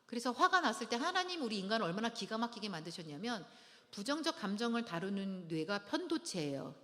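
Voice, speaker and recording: Middle-aged woman, church marriage-preparation lecture, lively and dramatic, call-and-response, mid-pitched voice, long hall reverb. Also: fairly quick. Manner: lively, dramatic, acts out little scenes, leads call-and-response. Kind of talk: church lecture to engaged couples.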